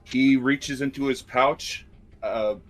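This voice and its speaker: A man's voice: mid-range voice, steady tone, slow, soft background music. A man taking his turn as a player in a tabletop game, casually explaining his spell choices.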